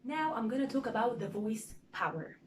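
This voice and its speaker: Lively woman teaching English, fairly high voice. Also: normal speed. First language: Egyptian Arabic. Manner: lively, demonstrative, frequent "okay?" and "uh" fillers. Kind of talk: casual English lesson on presentation skills.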